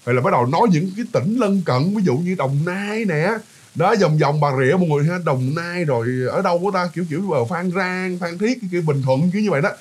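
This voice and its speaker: A man's voice: sits high, quick pace, husky. A man with a Southern Vietnamese accent, telling a ghost story casually, chatty and full of fillers and repeats, talking straight to his listeners.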